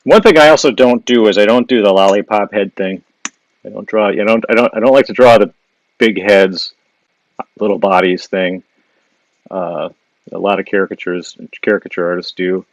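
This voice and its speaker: On a casual live stream, this illustrator from Wisconsin, accent and all, sketches while musing aloud, stumbling through fillers and restarts as he answers questions from viewers. He speaks at a normal speed in a fairly low, steady voice. Picked up by his device's mic, the sound is rough, with no room sound.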